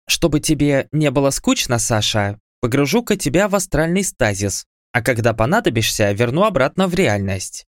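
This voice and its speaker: A haughty goddess of death who hands down orders with cold scorn, as a male narrator puts her on in a higher voice. She sounds close and dry in a dead room. Her delivery is imperious and commanding, made for an audiobook. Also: big pitch swings, normal speed, few pauses, no room sound, close to an everyday voice.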